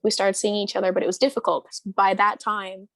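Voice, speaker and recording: A woman's voice: mid-range voice, flat delivery, a little fast, a bit bright, no room sound. A woman in her early twenties, talking casually as an interview guest, rambling with lots of fillers and restarts. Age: 20s. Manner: rambling, hesitant, many fillers and restarts, laughs often.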